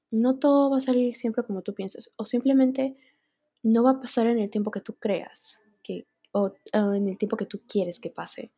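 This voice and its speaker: Young woman vlogger, husky and mellow, speaking openly and unscripted. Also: fairly high pitch. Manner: candid, emotional, near tears at times. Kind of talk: unscripted personal vlog.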